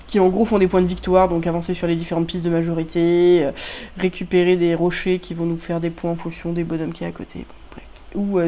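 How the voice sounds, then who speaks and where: Woman, middle pitch, casual review talk, hesitant, lots of fillers. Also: warm tone. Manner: hesitant, many "euh" fillers, loose unscripted explaining. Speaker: board game reviewer.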